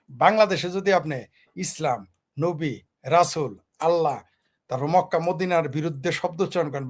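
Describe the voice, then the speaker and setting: A man argues politics on a talk show, his voice sitting high for a man. He speaks with force and keeps pressing his point through one rhetorical question after another. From Bangladesh. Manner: emphatic, fires rhetorical questions. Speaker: political commentator.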